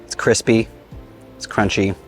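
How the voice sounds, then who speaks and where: A man's voice: on the low side, flat delivery, a little slow, faint music behind. A man hosting a casual cooking demonstration outdoors, chatty and enthusiastic as he cooks and tastes. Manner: enthusiastic, chatty, talks with a mouthful at times. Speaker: cooking show host, chef. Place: outdoor griddle cooking set.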